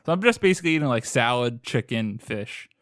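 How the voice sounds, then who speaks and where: A man's voice: mid-range voice, animated, fairly bright tone, no echo, clean studio sound. A man from Boston co-hosting a podcast, chatting casually with friends, swearing freely. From Boston area. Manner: chatty, swearing, quick asides. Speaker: podcast co-host.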